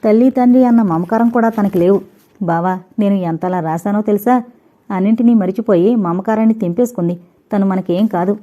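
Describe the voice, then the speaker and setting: A woman's voice: medium pitch, fairly quick, mellow, lightly acted. A heartbroken young man speaks bitterly about being shut out, read by a woman narrator. The voice comes through thin and phone-like. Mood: hurt. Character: hurt young man, brooding brother. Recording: tinny, phone-like recording.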